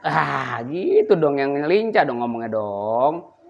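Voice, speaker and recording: A man's voice: medium pitch, very animated, slow pace, gravelly, highs cut off. An older man, hosting a casual cooking vlog and playfully coaxing his grandchild as he talks. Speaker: vlog host.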